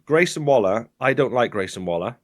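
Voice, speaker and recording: A man's voice: medium pitch, fairly quick. Heated, sweary man ranting. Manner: heated, sweary, animated rant. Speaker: podcast co-host and wrestler. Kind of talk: casual podcast chat.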